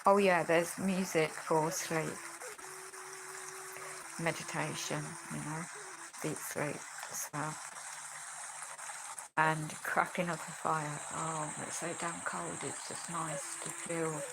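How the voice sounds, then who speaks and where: A woman with a low, flat voice speaks slowly with vocal fry and frequent pauses, and the recording is very noisy. She's a vlogger rambling casually, congested and losing her voice, chatty with sighs and tag questions. A friend films her at home on a phone.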